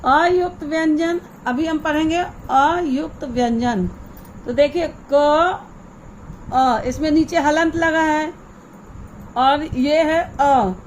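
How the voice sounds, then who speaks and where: Patient woman schoolteacher, high voice, slow steady delivery, questions the class as she goes. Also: a little hiss or hum, poor audio. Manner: slow, patient explaining with repeated questions to pupils. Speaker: teacher. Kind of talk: online grammar lesson for young children.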